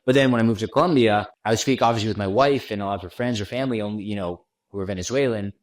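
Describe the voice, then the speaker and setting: This man, a content creator and podcast guest from Washington D.C., USA, talks very fast in a lowish voice with an American accent. He's loose and chatty in a casual interview, dropping plenty of "you know" and "right." The recording is dry.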